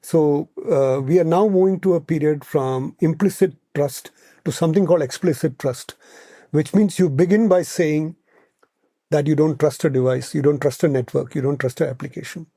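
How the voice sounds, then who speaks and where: A man with an Indian accent appears as an expert podcast guest, explaining things point by point in conversation and frequently checking in with "right?". His voice is fairly high with a dark tone, at a normal speed, in a clean studio recording with no room sound.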